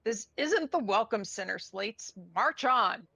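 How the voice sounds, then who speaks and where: A woman voicing a stony-faced, stern hobgoblin woman officer with a gruff, curt, commanding manner. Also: a little high, expressive, slow, pushed and bright, no echo, exaggerated voice. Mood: impatient.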